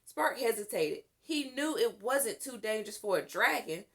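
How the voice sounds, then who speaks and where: With a slightly high voice, a woman reads a children's story aloud, taking an expressive, deliberate storytelling approach.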